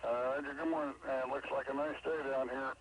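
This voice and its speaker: Flat-toned man over walkie-talkie radio. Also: mid-range voice, brisk, poor audio. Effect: radio transmission. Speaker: astronaut mission specialist. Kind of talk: radio communications check. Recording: radio link with faint noise.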